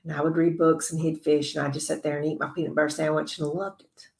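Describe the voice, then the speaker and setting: A woman giving a devotional Bible teaching to other women, earnest and conversational, sometimes dropping to a soft whisper. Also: low-pitched, little pitch movement, fast, gravelly, reverberant.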